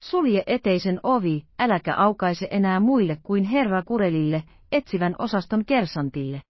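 A woman's voice: medium pitch, expressive, dry recording, close to an everyday voice. Jittery wealthy man, read by a woman narrator, tense and clipped; dry, slightly muffled audiobook. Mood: commanding. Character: nervous wealthy male millionaire, anxious and commanding.

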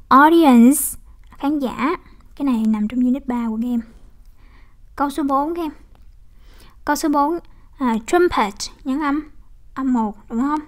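Young woman teacher, Vietnamese accent, soft warm tone, slightly high voice, explanatory classroom manner. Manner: explanatory, with frequent tag questions. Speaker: English teacher. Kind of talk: exam walkthrough lesson.

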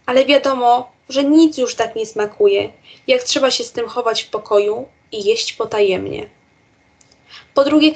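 A woman narrates a children's storybook, reading aloud in a slow, careful way. Her voice is fairly high and has a soft, breathy edge. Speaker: reader.

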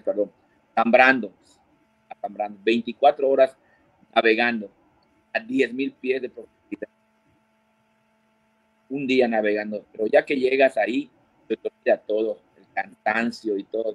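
A man's voice: lowish voice, measured pace, pauses often, no room sound, rough recording. A man, a fishing guide, telling fishing stories as a guest in an interview and acting out the voices of the people in them. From Mexico. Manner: animated storyteller who mimics quoted voices. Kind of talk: storytelling interview.

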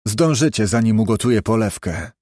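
A man's voice: fairly low pitch, lively intonation, moderate pace, darkish tone, dry recording, clean studio sound. A man voicing a stern, strong exile who speaks tersely and gives orders, in an audiobook. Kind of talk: audiobook character voice.

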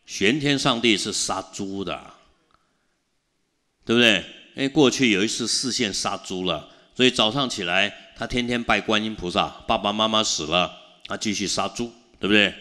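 A man's voice: on the low side, bright, forceful tone. A man giving a Buddhist storytelling sermon, acting out the quoted characters and asking the audience questions. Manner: acts out the quoted characters in his stories. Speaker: Buddhist master. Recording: long hall reverb.

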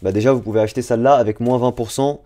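A man's voice: medium pitch, steady tone, very fast, mellow. A young man, chatting casually to viewers on a live stream while unboxing. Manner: chatty, talks to chat directly. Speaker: drawing streamer.

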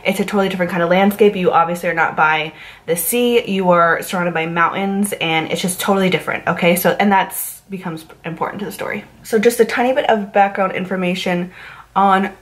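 A woman's voice: fairly low pitch, steady tone, brisk. A young woman from Massachusetts telling a true crime story to camera in a casual, rambling way, full of likes and you knows. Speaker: YouTube true crime host.

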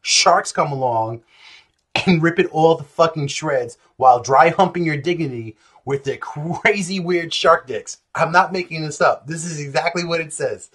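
Casual male vlog host, a bit husky and fairly high, with a playful, irreverent read. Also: moderate pace, fairly bright tone. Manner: jokey, irreverent, profane asides. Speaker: comics channel host. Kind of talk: casual comedic vlog reading.

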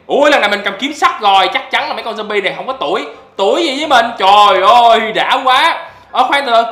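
A man doing excitable gameplay commentary as a YouTuber, often breaking into loud exclamations. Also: high-pitched, roomy sound. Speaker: gaming YouTuber.

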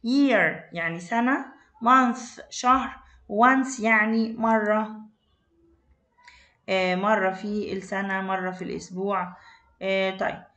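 A woman's voice: mid-range voice, steady tone, slow, long pauses, a bit bright. A woman with an Egyptian Arabic accent teaching an online English lesson, explaining words in Arabic and asking her students questions. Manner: calls her students "my dears".

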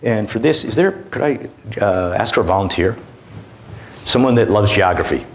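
A middle-aged man presenting a product demonstration at a conference in an informal, halting way. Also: on the low side, lively intonation, a little hiss or hum. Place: indoor conference room, on stage.

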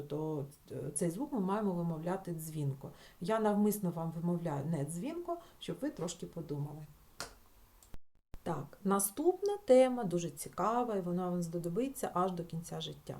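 A woman teacher patiently explaining spelling rules in a recorded lesson for schoolchildren, stretching example words out slowly and checking in with the class. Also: lowish voice, a little mellow. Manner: talks the class through with filler sounds and checking "так?".

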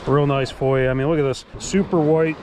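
Speaking briskly in a fairly high, steady voice, a middle-aged fishing vlogger enthusiastically narrates a casual beach outing straight to the camera. He's outdoors on sand by the surf, recorded on a head-mounted action camera that picks up clear wave noise.

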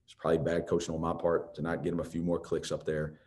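A head basketball coach answers reporters' questions at a post-game press conference, speaking conversationally with many restarts. His rumbling low voice is monotone, quick and a little mellow.

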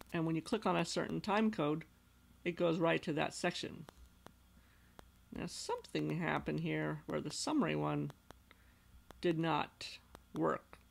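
A woman with a low, gravelly, fry-edged voice narrates a software tutorial over screen capture. Like an instructional designer, she walks through each step patiently and plainly.

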